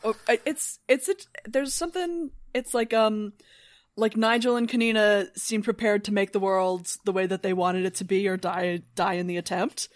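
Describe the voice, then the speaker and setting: A woman's voice: mid-range voice, steady tone, normal speed. A woman co-hosting a casual book-club podcast, talking loosely with restarts and the odd swear. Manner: swearing, laughing, trailing restarts. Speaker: podcast co-host.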